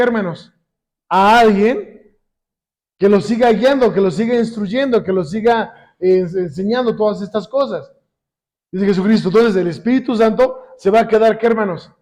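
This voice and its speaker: A man teaching a Bible lesson to a congregation, often pausing to quiz them with call-and-response questions and slowing down when he quotes scripture. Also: sits high, a little mellow. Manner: slows down when quoting scripture. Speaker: church teacher. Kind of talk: sermon-style Bible lesson.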